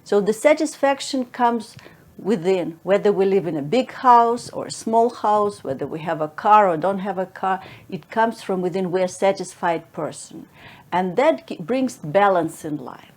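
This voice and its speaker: Gentle woman teaching meditation. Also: medium pitch, lively intonation, moderate pace. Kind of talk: explanatory meditation talk.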